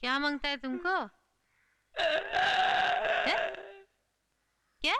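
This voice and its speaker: A woman's voice: high-pitched, drawn-out words, noisy background. A bossy scolding landlady. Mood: shooing. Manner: scolding, broken Hindi mixed with English.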